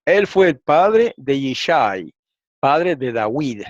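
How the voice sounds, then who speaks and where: Man teaching, reading texts slowly aloud. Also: mid-range voice, big pitch swings, dry recording. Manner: reads slowly through transliterations, asks frequent rhetorical questions. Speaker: Bible teacher. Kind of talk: lecture explaining Hebrew and Greek texts. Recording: dull, slightly lo-fi and dry.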